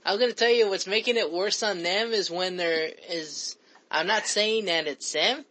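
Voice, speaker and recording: A man's voice: sits high, moderate pace, pushed and bright, poor audio. A man hosting a casual chat, rambling with frequent stammered restarts. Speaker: host.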